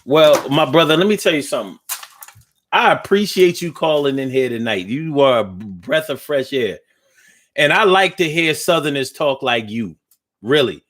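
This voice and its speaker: A man's voice: a little high, lively intonation, normal speed, a bit bright. A man of fifty hosting a call-in talk show, speaking with passion and often repeating words as he builds his point. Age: 50s.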